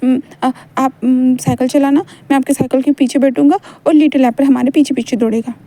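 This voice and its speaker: A woman's voice: sits high, level tone, brisk, warm tone. Woman doing a teary, stammering little boy. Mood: eager. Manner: sobbing, stammering protests.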